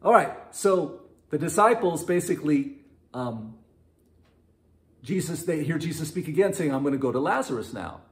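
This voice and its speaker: Male pastor, casual teaching, voice leaps high with lively swings. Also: normal speed. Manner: animated, rises high and loud when acting out quotes, laughs often. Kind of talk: casual online Bible teaching.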